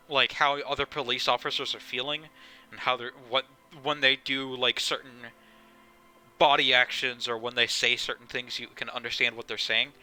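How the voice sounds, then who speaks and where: Bright-voiced young man streaming a game. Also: mid-range voice, clear, resonant tone. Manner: rambling, casual, swears. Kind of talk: casual live gameplay commentary.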